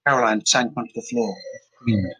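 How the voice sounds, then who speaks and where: A man reads a story aloud in a steady, plain manner. His voice is husky and sits at an everyday pitch. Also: fairly quick, low-quality recording. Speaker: narrator. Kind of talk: storybook reading.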